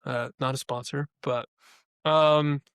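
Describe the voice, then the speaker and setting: A man's voice: medium pitch, steady tone, slow pace, fairly bright tone, clear, resonant tone, no echo, clean studio sound. A young man co-hosting a podcast in a casual, chatty way, sharing opinions and filling his talk with "like". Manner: chatty, opinionated, heavy use of "like". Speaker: podcast co-host. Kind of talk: casual chat.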